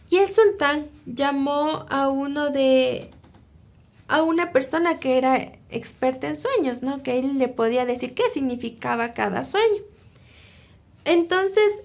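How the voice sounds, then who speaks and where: A woman from Ecuador preaching a live sermon, telling a parable and checking in with her listeners as she goes. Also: sits high. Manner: earnest, asks "¿sí?" often. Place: church streaming live.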